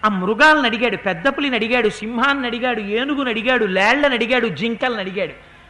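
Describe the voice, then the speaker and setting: High, bright-voiced devotional storyteller man. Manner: chants scripture verses slowly between emotive storytelling. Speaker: religious storyteller. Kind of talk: devotional epic discourse.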